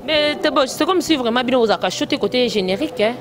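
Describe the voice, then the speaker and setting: A woman with a Congolese French accent in quick, emphatic casual chat, asking many questions. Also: high voice, lively intonation, background noise. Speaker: fan discussing rumba music. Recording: loud music playing behind.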